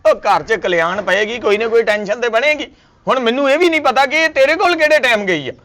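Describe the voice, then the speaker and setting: An exasperated husband, played by a man in a comedy sketch. His voice sits high as he lectures his family. He makes his points with jokes and old sayings. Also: expressive, fast talker, a bit bright. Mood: annoyed. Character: husband defending himself against a suspicious wife, with comic wordplay.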